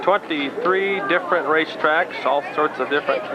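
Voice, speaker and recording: A man with a high voice gives motorsport commentary in short, plain-spoken phrases. He narrates from outdoors at a racetrack, with loud vehicle noise all around and a dull, lo-fi sound. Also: moderate pace. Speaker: motorsport commentator and race videographer. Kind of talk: motorsport commentary and casual track-side narration.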